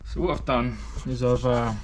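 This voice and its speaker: In a sweltering garage, a British-accented man narrates a relaxed workshop vlog while putting together a race car. He rambles cheerfully, leans on lots of fillers, and sounds slightly winded by the heat. His mid-range voice keeps a steady tone at normal speed, with background noise audible.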